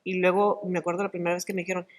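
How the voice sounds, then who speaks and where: A middle-aged woman, an actress and oral storyteller, talking in an interview in an animated, expressive way. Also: on the low side, very fast. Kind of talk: conversational interview.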